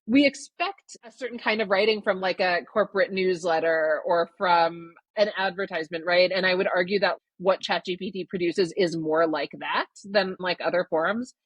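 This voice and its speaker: A Canadian woman, a guest author, answers podcast interview questions thoughtfully and in a measured way, qualifying her claims. Her voice is on the low side and husky, with no room sound.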